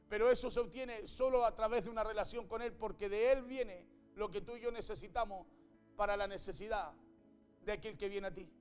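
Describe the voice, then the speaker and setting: A man preaching a sermon and reading scripture aloud. He speaks with fervor, repeats his phrases and breaks in with a quick "hey". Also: very high voice.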